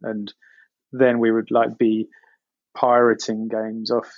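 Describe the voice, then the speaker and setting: A middle-aged man with an Essex accent, casually recalling his past as an interview guest in an informal, halting way, thinking aloud. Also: fairly low pitch, completely flat delivery, no echo, highs cut off. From Essex, England. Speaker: interview guest, game industry producer. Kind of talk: casual personal recollection.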